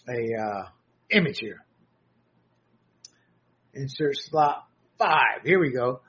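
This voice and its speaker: A man's voice: on the high side, husky. Combative male political commentator, lo-fi. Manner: combative, sarcastic, rising to shouts. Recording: dull lo-fi audio.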